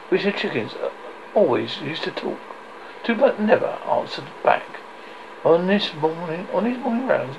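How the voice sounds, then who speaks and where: Brief: story narrator, gravelly and very varied in pitch, stumbling read, faintly noisy amateur recording. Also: muffled recording. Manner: halting, often stumbles and repeats words. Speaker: storyteller reading a short story aloud.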